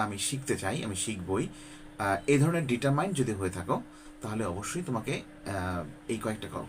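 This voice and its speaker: A man from Bangladesh teaching spoken English in a casual, direct way, often asking the listener rhetorical questions, pausing with fillers and dropping English phrases into his talk. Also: mid-range voice, slight background noise. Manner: conversational, addresses viewer directly with frequent rhetorical questions; frequent hesitation fillers. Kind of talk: informal spoken-English lesson.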